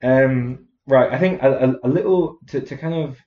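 A man's voice: medium pitch, moderate pace, phone-quality sound. Stammering chatty man in an echoey room. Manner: chatty storyteller, stammering restarts, frequent laughter. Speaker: podcast host. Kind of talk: casual chat.

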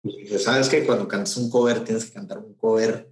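A Mexican man with a somewhat low voice tells stories in a relaxed interview. He rambles, circling back with fillers and false starts. The recording sounds roomy and echoey. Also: moderate pace. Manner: rambling, many fillers and restarts. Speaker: event promoter. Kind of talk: casual storytelling interview. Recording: roomy echo.

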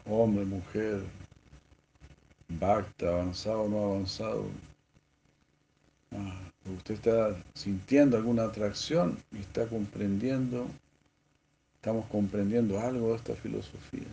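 A man, a spiritual teacher preaching a sermon, moving from soft asides to emphatic stressed words and clearing his throat often. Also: lowish voice, steady tone, unhurried, pauses often, lo-fi sound, a little hiss or hum.

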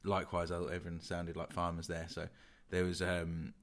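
A young man with a London accent talks in a deep, low register. He chats casually as a podcast co-host, thinking aloud and qualifying nearly every point with "sort of" and "you know". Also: completely flat delivery, a little fast. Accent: London English. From England. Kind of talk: casual chat.

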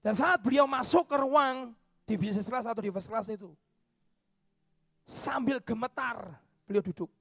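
Gravelly high-pitched preacher, shouting and whispering. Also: male voice, moderate pace, no echo. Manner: dramatic swings from shouts to whispers. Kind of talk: sermon.

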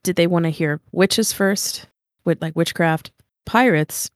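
A woman's voice: fairly low pitch, measured pace, no room sound, clean studio sound. A congested woman hosting a podcast, chatting casually, swearing and laughing often. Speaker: podcast host. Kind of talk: casual chat.

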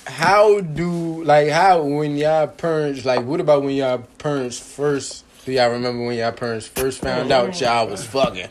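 A man's voice: mid-range voice, steady tone, unhurried, hardly any pauses, slight background noise. A man hosting a casual podcast chat, asking blunt questions and laughing often. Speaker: podcast host.

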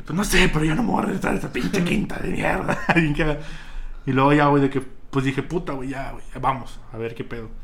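A young man with a Mexican accent, telling friends a story in a casual, slang-heavy, animated way. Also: on the high side, fast talker, vocal fry, slight background noise. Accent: Mexican Spanish. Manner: vulgar slang-heavy, animated retelling with laughs.

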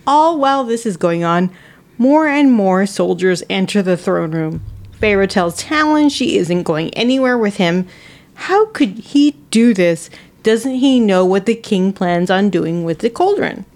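A woman co-hosts a book podcast and reads the chapter summary at an unhurried pace. Her voice sits in a middle register. She keeps slipping into playful asides between the plot points. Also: mid-range voice, animated, darkish tone. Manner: slow, deliberate reading with playful asides. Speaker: podcast co-host. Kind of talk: reading a book summary with casual chat.

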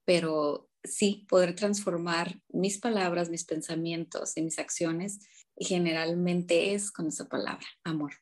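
A woman's voice: on the low side, a little slow. A woman, a teacher, telling stories as a guest on an interview and acting out the people she quotes. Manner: animated storyteller acting out quotes. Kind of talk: casual interview storytelling. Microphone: remote call from abroad.

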